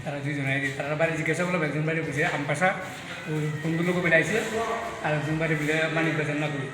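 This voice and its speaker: A man's voice: fairly high pitch, fairly even intonation, fast talker, background noise. A man with a Tripura Bengali accent giving a spontaneous account as a hospital security guard. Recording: echoey, reverberant, music over it.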